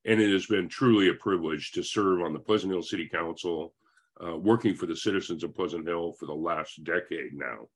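A man in his fifties from Northern California, appearing as an interview guest over a video call, tells his life story in a friendly, rambling way. His voice is deep and fairly quick.

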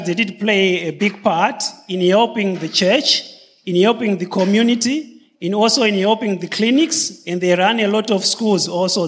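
A man from Zimbabwe with a notably high voice talks earnestly to a congregation. His words carry a long reverb from a large church hall. He strings his story together step by step. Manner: earnest, chains points with "so" and "and then". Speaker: church member sharing testimony. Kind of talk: casual talk to a congregation.

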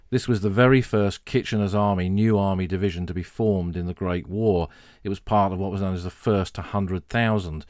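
A low-pitched man narrates military history for his podcast in a measured, earnest tone. His voice is close and dry, with no room sound around it. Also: no room sound.

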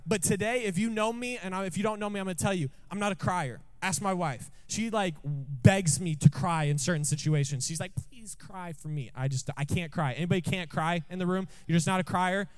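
A man with a rather high voice preaches in a church, telling a personal story. His delivery is jokey and conversational, and he keeps throwing questions out to the congregation. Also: a little fast, hardly any pauses, clear, resonant tone. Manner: jokey, asks the room questions often.

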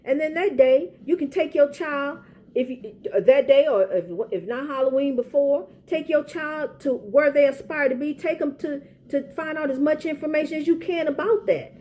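High-pitched middle-aged American woman, earnest and mellow. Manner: earnest, pleading, repetitive exhortation. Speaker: parent speaking out in a personal public service message. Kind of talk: informal heartfelt advice monologue. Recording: faint background noise, ambient sound.

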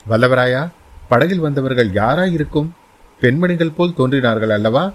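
A man's voice: mid-range voice, animated, moderate pace, close to an everyday voice. A man voicing a fierce, restless young prince who gives orders and challenges his companions in a spoken story. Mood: commanding. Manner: commanding, challenging.

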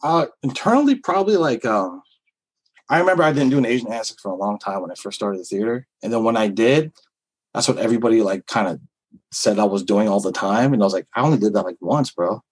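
A man with a slightly husky, breathy voice talks through his experiences in comedy. He rambles candidly, stacking up fillers and restarts as he thinks aloud. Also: lowish voice, fast talker, rough recording. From Philippines heritage. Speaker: comedian guest. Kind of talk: casual interview talk.

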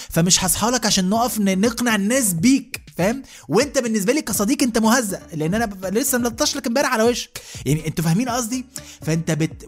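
An Egyptian man in his thirties delivering a comic rant as a podcast host, asking "you know what I mean" again and again. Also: high-pitched. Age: 30s. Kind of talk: comic monologue.

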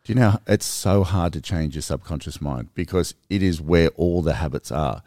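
A low-pitched man talks through his ideas in a relaxed podcast chat, earnest and animated, often restarting mid-sentence. The sound is dry and close, with no room around the voice. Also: moderate pace, no room sound. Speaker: podcast co-host. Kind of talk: casual conversation.

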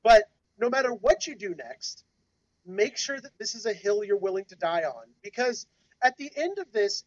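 With a medium-pitched, somewhat dark voice, this podcast co-host in their thirties jokes, reflects, and gives advice during a laid-back discussion. The audio is lo-fi, dull, and dry, with no room sound.

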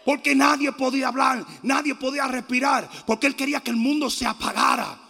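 High, shouting, raspy male preacher. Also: fairly even intonation, fairly quick. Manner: shouts often and acts out voices. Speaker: bishop preaching. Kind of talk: loud animated sermon. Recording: long reverb of a large hall.

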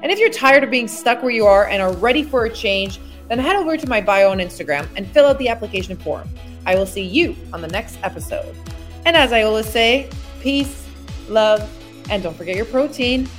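High-voiced upbeat woman coach. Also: lively intonation, brisk, faint music behind. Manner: upbeat, encouraging, speaks directly to the listener. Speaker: weight loss coach and podcast host. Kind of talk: solo motivational podcast talk.

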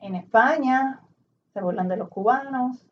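A woman's voice: sits high, measured pace. A woman with a Puerto Rican Spanish accent, co-hosting a casual conversation, outspoken and opinionated. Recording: dull audio from a distance with faint noise.

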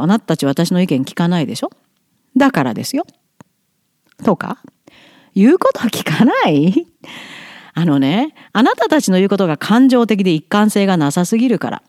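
A middle-aged woman from Japan giving a blunt, emphatic monologue with quick asides. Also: medium pitch, a little mellow, no room sound, studio quality. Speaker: vlogger commenting on society. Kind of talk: outspoken monologue.

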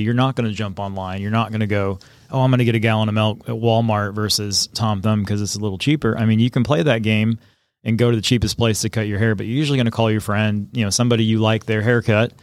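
Male podcast co-host, slightly low register, relaxed conversational explainer, studio setting. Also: fast talker, no room sound.

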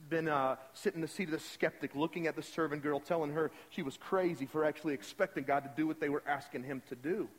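A man with a high voice preaching a sermon in a church sanctuary, the long reverb of the big hall trailing after each phrase. He talks in a conversational, story-telling way and keeps asking the congregation direct questions. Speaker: pastor.

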